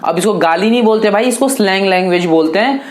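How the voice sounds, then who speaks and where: An eighteen-year-old man answers viewer questions in a casual, chatty vlog, loosely addressing them as brothers. His voice is high and fast, and the room sounds echoey.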